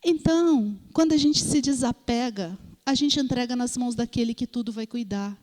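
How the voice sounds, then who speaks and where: Brazilian lady preaching at a prayer group, kinda high voice, long hall echo, keeps asking entendeu?. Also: normal speed, a little mellow. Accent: Brazilian Portuguese. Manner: storytelling, acts out voices in quotes; asks listeners "entendeu?". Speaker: lay preacher.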